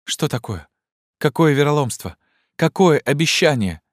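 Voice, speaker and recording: A man's voice: on the high side, expressive, takes it slowly, dark tone, no echo, clean studio sound, voice pushed up. A man voicing a frightened young wife. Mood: panicked. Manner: breathless, pleading. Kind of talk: audiobook character reading.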